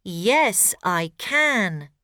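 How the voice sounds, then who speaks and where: A woman's voice: medium pitch, sing-song, extremely slow, sharp tone, dry recording, studio quality, heavily acted. A woman voicing a clumsy, apologetic little robot in a storybook read for learners. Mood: meek. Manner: meek and apologetic.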